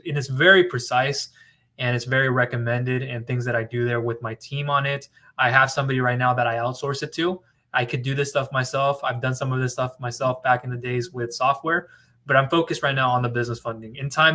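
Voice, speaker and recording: Bright-voiced confident man from California. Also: medium pitch. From Orange County, California. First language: bilingual in English and Spanish. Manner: confident, rambling, repeats himself. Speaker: business funding broker hosting a livestream. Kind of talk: casual livestream talk answering viewers.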